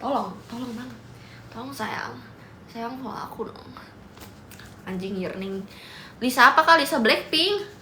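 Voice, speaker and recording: A woman's voice: fairly high pitch, measured pace, long pauses, bright, forceful tone. A young woman, hosting a casual livestream, reading and answering comments in a playful, teasing way and mixing in English. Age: young adult. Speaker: livestream host. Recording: echoey room with faint noise.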